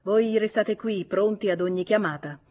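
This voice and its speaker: A woman's voice: mid-range voice, normal speed, close to an everyday voice. A woman reading aloud, voicing a stern, formal male police commissioner in an audiobook. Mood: commanding. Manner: formal, authoritative, insistent.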